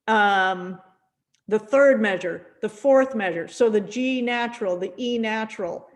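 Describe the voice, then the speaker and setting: A middle-aged woman leads a percussion masterclass in a rehearsal room. Her voice sits slightly high, and she speaks in a kindly, encouraging way, often restarting or repeating a word as she works out her thought. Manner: gentle, encouraging, repeats words as she thinks. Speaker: percussion teacher giving a masterclass.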